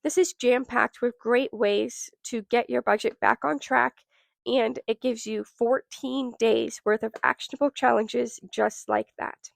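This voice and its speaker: Young woman podcaster, nasal w a cold, super gravelly voice, dry close sound, upbeat and pitching stuff. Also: steady tone, unhurried, no echo. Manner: upbeat, direct sales pitch to listeners. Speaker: podcast host. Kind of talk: solo podcast talk.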